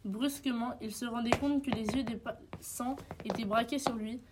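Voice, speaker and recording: A woman narrating a storybook tale in an expressive, dramatic reading. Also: a little high, moderate pace, heavy background noise.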